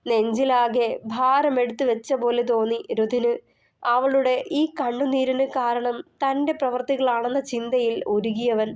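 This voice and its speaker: A woman's voice: fairly high pitch, fairly even intonation, measured pace, darkish tone. A woman with a Malayali accent reading her own romance novel aloud, narrating and speaking every character's lines herself. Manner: reads narration and voices all the characters' dialogue herself. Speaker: narrator and author. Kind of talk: audio novel narration with voiced dialogue.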